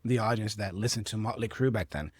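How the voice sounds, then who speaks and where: A man whose native language is Portuguese, with a Brazilian Portuguese accent, teaches English by patiently explaining phrases from a clip and checking in with learners often. His voice is on the low side and slightly rough, and he talks at a quick pace. The audio is studio quality with no echo.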